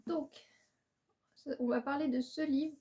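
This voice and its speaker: Hesitant woman with a flat, high voice. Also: unhurried. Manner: hesitant, many fillers and restarts. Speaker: book YouTuber. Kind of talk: casual book review to camera.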